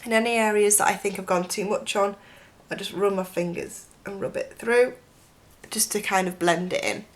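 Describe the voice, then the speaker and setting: With a chest infection making her voice croaky, this young woman talks through a makeup tutorial up close to the camera, indoors in her bedroom with a dressing table. Her mid-range voice keeps a steady tone at normal speed, and her gushing chatter is packed with "like" and "um".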